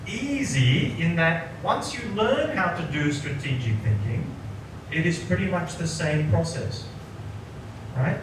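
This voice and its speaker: A man in his forties, from Sri Lanka, a psychologist giving a workshop lecture who keeps checking in with the audience by asking "right?". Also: on the high side. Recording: echoey room, voice from a distant mic, noticeable background noise.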